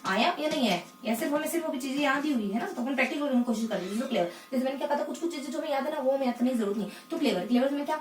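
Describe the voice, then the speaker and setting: A woman teaching English phonetics in a lesson, asking the class questions and answering them herself, and repeating key words slowly. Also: sits high, lively intonation, echoey room, recorded from a distance, slight background noise. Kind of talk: explanatory lesson in Hindi.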